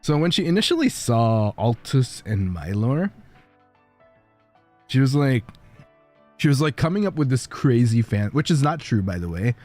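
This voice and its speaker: A male streamer chats casually over faint background music, rambling with plenty of fillers and frequent laughter. His medium-pitched voice is sing-song and a little mellow, at a moderate pace with frequent pauses.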